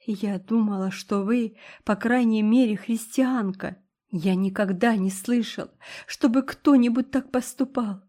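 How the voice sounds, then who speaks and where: A woman's voice: a little high, a little slow, mellow, close to an everyday voice. A woman doing a gushing, melodramatic jilted young woman. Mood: wounded. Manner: gushing, tearful, theatrical.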